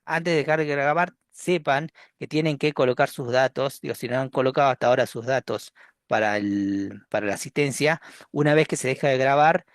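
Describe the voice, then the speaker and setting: A man with a Rioplatense Spanish accent teaching a university class over a video call. His voice has a gravelly edge and sounds dry and close. He talks in a relaxed, joking way, restarting phrases and ending them with tag questions. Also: mid-range voice, no echo. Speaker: university lecturer. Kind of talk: online class lecture.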